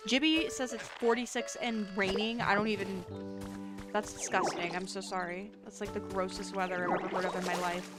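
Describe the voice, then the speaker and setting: A woman's voice: medium pitch, fairly even intonation, brisk. A woman streamer chatting casually and profanely with her viewers, laughing often. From South Florida. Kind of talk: casual livestream chat with viewers. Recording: loud background music. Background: loud music.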